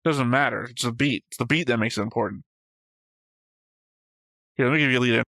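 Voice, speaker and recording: A man co-hosts a reaction show, chatting casually and rambling off into joking tangents. His mid-range voice is pushed and bright, a little fast, and the studio-quality recording has no echo.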